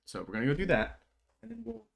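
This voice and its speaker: Sleepy halting man, lively pitch. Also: vocal fry, slight background noise. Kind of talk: casual morning chat.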